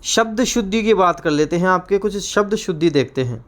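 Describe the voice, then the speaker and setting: A man's voice: high-pitched, expressive, a little fast, a bit bright. A man teaching an exam-prep grammar class, repeating words over and over and giving frequent reminders. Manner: repetitive, drilling words again and again.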